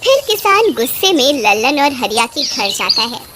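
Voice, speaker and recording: High-voiced woman narrating a cartoon. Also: sing-song, normal speed, background noise. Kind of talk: scripted storybook narration.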